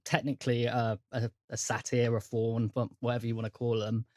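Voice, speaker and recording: Brisk and a little mellow, this medium-pitched male voice shows little pitch movement and comes through studio-clean, with no room sound. As host and game master of a role-playing podcast, he teases and jokes while casually introducing and recapping a game.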